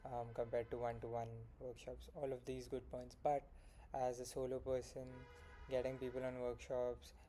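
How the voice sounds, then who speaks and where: Late at night, a young solo founder with an Indian English accent vlogs about his day and progress, rambling candidly and correcting himself amid frequent fillers. His voice is medium-pitched and mellow, with a bit of hiss or hum in the background.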